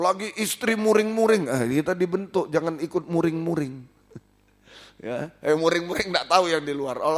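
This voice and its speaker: A man preaching as pastor, repeating his points and mixing exhortation with playful asides. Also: fairly high pitch. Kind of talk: sermon. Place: church.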